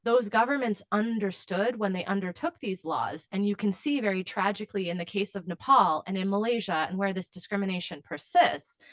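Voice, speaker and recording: Woman interview guest, mid pitch, impassioned and earnest, dry close recording. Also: brisk, hardly any pauses, dry recording. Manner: impassioned, with frequent fillers and restarts. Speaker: advocacy guest.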